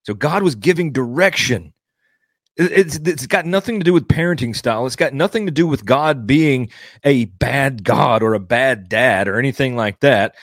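A man's voice: medium pitch, expressive, normal speed, a bit bright, dry recording, studio quality. A man hosting a podcast, critically explaining and rebutting a sermon clip he has just played, repeating his points.

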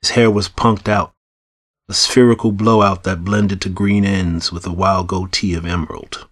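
A man reading first-person fiction in a brooding, measured, low-key way. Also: flat delivery, breathy edge. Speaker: audiobook narrator.

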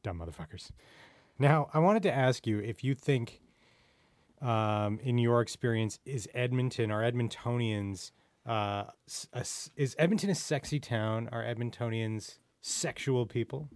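A man co-hosts a podcast in a mid-range, darkish voice, speaking a little slowly on a dry recording. He's wry and sardonic with plenty of emphasis, delivering scripted opinions alongside casual banter.

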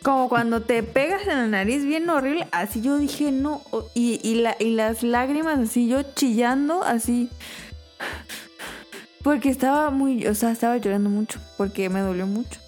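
Mexican woman podcaster, higher voice, lively slangy storyteller. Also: moderate pace, faint music behind. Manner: animated storytelling full of slang. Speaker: podcast co-host. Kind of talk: casual chat.

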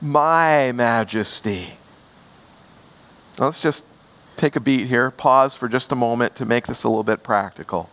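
A man's voice: mid-range voice, a little fast, fairly bright tone. A man preaching a sermon as pastor, stressing key words by repeating them.

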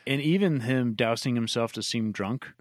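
A man's voice: mid-range voice, moderate pace, no echo. Casting: male podcast co-host, laid-back, mid-range voice, dry close mic. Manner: relaxed, trails off, rants when critical. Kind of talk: casual movie chat.

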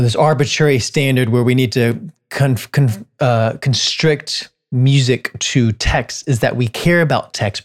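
Thoughtful songwriter explaining his craft. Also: medium pitch. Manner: thoughtful, many restarts, sings short melodic lines to illustrate. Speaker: songwriter and composition teacher. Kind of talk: casual explanatory talk.

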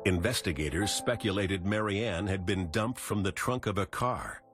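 Male documentary narrator, very low register, ominous and dramatic true-crime storytelling, prominent score behind. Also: moderate pace, music in the background.

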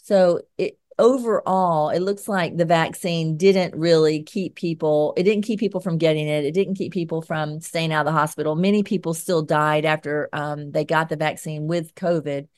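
A woman's voice: low voice, fairly even intonation, moderate pace, hardly any pauses, a little mellow, no room sound. A middle-aged American woman with a Southern accent from Georgia, speaking as a show host in conversation and commentary. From Georgia, United States. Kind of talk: conversational interview and spoken commentary.

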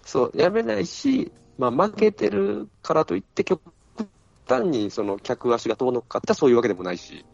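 A man in a casual podcast chat, explaining his view in a drawn-out way. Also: a little high, big pitch swings, creaky, a little mellow, no echo. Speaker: podcast panelist. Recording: dull lo-fi audio with faint music.

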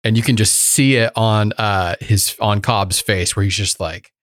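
A podcast co-host with a lowish voice chats enthusiastically, a little slowly, about a TV series. He retells it in an animated way, acting out his reactions in asides, and the studio-quality recording has no echo.

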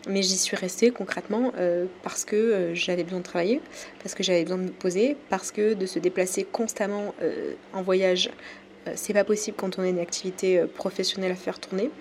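A French woman hosting her own podcast, talking casually with many pauses and fillers. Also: fairly low pitch, fairly even intonation, darkish tone, slight background noise. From France. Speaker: podcast host. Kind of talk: casual solo podcast talk.

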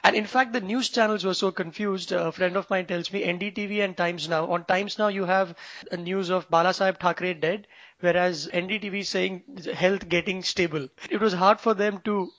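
A man with an Indian accent and a high voice co-hosts a relaxed conversation. He recounts news and gives his opinions informally. The recording is dry, with no room sound. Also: fairly quick, dry recording, poor audio. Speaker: podcast co-host.

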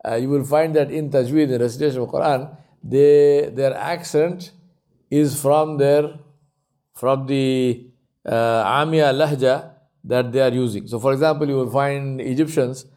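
A man delivers a religious lesson in a warm, relaxed tone. He circles back to the same phrases again and again to drive them in. He pauses often on fillers as he thinks. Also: mid-range voice. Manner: repeats key phrases for emphasis, many fillers. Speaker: speaker at an Islamic centre. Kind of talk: religious talk.

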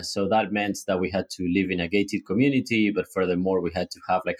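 Man, from Argentina, very deep voice, relaxed interview guest. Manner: relaxed, many fillers and restarts. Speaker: guest entrepreneur. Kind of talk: casual interview storytelling.

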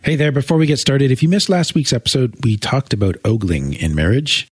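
A man co-hosting a podcast, explaining things in a thoughtful, measured way with long winding sentences. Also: mid-range voice, very animated, slightly rough, no echo, studio quality. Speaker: co-host. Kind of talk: casual explanatory chat.

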